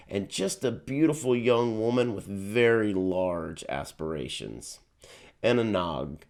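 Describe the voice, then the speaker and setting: Male host, lower register, animated and earnest, scripted intro read.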